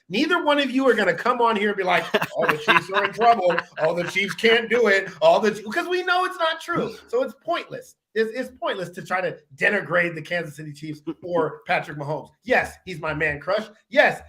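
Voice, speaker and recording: A man's voice: high-pitched, a bit bright. A man co-hosting a sports podcast, ranting brashly in casual chat and swearing freely. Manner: fired-up, brash rants, swears. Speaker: podcast co-host.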